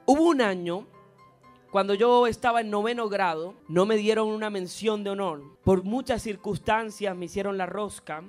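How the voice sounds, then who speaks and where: A man preaching a sermon, telling stories dramatically and building to loud, impassioned preaching. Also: high voice, normal speed, soft background music. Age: adult, past university. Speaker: pastor.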